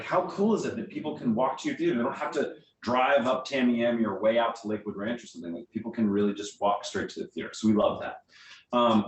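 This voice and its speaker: An American theatre director speaks as a guest at a small indoor meeting, answering informally and conversationally and explaining things through everyday analogies. The recording comes from a distant mic in an echoey room, with a faint rumbling noise.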